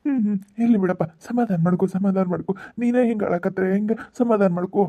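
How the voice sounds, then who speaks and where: A woman voicing an older uncle in a cartoon who quickly soothes his grieving nephew, with a North Karnataka Kannada accent. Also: mid-range voice, mellow, no room sound, natural voice. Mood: soothing. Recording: dull lo-fi audio.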